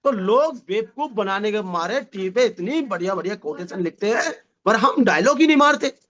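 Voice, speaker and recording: A man giving a lively motivational sales seminar, repeating phrases and calling the audience his dear friends, with a slight touch. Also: high voice, moderate pace, highs cut off. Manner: animated, repetitive, addresses audience as "my dear friend". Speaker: network marketing trainer.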